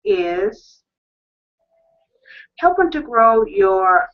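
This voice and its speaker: A woman's voice: fairly high pitch, very animated, extremely slow. A woman's own livestream talk coming back as a delayed echo from a device while she coaches viewers online. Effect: delayed echo of her own livestream played back through a device. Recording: tinny phone-like playback.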